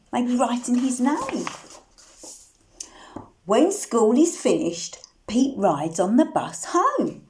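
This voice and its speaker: Here a woman with a voice that sits high reads a picture book to little children. She's animated and sing-song, quizzing her listeners and singing along with the refrains.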